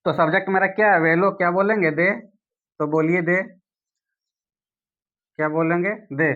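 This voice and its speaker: A man teaching an English grammar lesson, asking the viewer questions and saying English examples slowly. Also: high-pitched, fairly even intonation, narrow, tinny audio.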